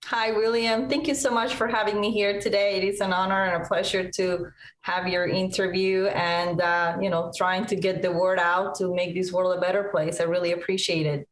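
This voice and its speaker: A woman's voice: level tone, normal speed. A woman in her forties from Colombia, a nonprofit CEO telling her story in a chatty, eager way on a video call interview. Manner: chatty, eager, many fillers. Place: home room over video call. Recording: echoey room with faint rumble.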